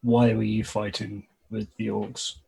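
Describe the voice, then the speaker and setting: A man with a creaky, husky voice chatting casually as a tabletop game player. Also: on the low side, level tone, a little slow, mellow.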